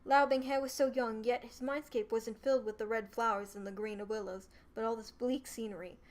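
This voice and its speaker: A young adult woman streamer narrating a novel live, reading aloud in an expressive, theatrical way. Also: on the high side, moderate pace.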